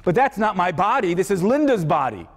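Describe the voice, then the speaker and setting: A male philosophy lecturer with a fairly high voice talks to his class in a loose, conversational way. He restarts his phrases often and throws himself into the voices of the people he quotes. His voice rings with the long reverb of a large lecture hall. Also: sing-song, fairly quick. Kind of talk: university lecture.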